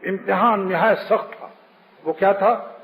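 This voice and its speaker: A man giving a religious sermon, explaining his points and telling anecdotes. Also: high-pitched. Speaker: preacher. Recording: phone-like with long hall reverb.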